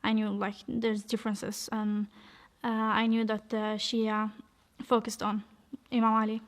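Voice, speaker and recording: A woman's voice: a little high, monotone, a little slow. A young woman from Norway telling her life story in a casual, hesitant way, with many fillers and restarts. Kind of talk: personal testimony, casual.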